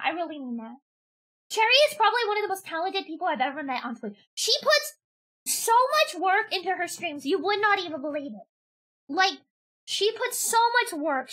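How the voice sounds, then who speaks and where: A young woman streaming live in a casual chat, her voice pitched extremely high and ringing bright. She gushes, repeats herself over and over and swings her pitch up and down. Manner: bubbly and gushing, repeats herself often.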